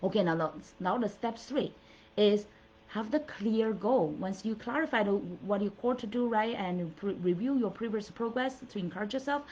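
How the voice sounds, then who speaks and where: Coach and host of an earnest, encouraging motivational talk, this middle-aged Chinese woman, a native Mandarin speaker, uses many fillers and restarts. Her medium-pitched voice is darkish and moderately paced, with slight background noise on dull lo-fi audio.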